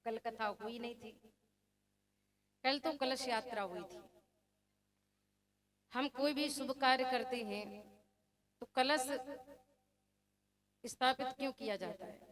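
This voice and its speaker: A woman preacher telling a devotional scripture story to a village gathering, addressing the crowd directly and slowly chanting verses. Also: on the high side, a bit bright. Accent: Braj-tinged Hindi.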